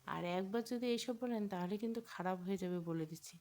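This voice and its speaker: A woman's voice: medium pitch, fast, a little mellow, lightly acted. A woman voicing a feisty young woman in an audio storybook, trading cheeky, defiant comebacks.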